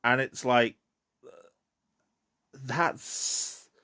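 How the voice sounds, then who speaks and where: A man's voice: medium pitch, steady tone, extremely slow, sharp tone, clean tone. A man hosting a solo podcast, talking through films casually with many ums and restarts. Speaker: podcast host. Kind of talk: casual solo film commentary.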